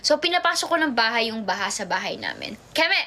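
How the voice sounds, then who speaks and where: A young woman with a high, bright voice chats on a phone livestream from home. She reads out viewer comments and drifts between two languages as she goes. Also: wildly swooping pitch, brisk. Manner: chatty, switches between Tagalog and English, reads viewer comments aloud. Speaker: idol livestreamer. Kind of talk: casual livestream chat reading comments.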